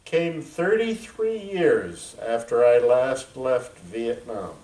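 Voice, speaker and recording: A man in his seventies, a veteran, giving a frank, reflective talk to an audience with many pauses and fillers. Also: mid-range voice, lively intonation, darkish tone, recorded from a distance. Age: 70s. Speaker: veteran speaker. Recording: echoey room, voice from afar.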